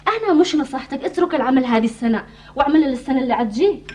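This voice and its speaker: High-voiced, practical Yemeni wife. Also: female voice, lively intonation, racing, darkish tone. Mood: insistent. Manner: insistent, questioning, lecturing. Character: practical, reasoning, gently scolding wife. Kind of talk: television drama acting.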